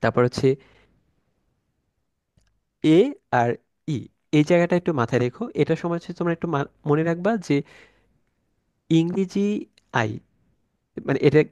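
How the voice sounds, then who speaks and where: A man teaching an online class from slides, slowly spelling out letters and sounds in a casual way, thinking aloud with fillers as he goes. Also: on the high side, darkish tone, no room sound. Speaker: German language teacher.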